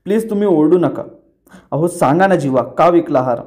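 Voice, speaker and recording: A man's voice: fairly high pitch, lively intonation, moderate pace, a little mellow, close to an everyday voice. A man doing a pleading young wife. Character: young wife pleading, defending her husband.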